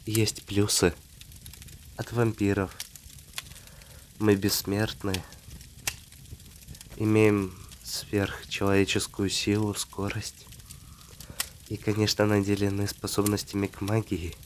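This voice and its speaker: Man playing slow, low-voiced tender vampire husband, soft ASMR. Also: monotone, a little hiss or hum. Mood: calm, musing. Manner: slow, intimate, hesitant phrasing with pauses. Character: tender, devoted half-vampire husband talking to his wife. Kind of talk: soft ASMR romantic role-play.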